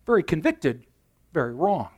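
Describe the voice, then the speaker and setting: A man in his fifties preaching a sermon in a conversational way, moving between loud emphasis and quiet intensity. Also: a little high, big pitch swings, normal speed. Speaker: pastor.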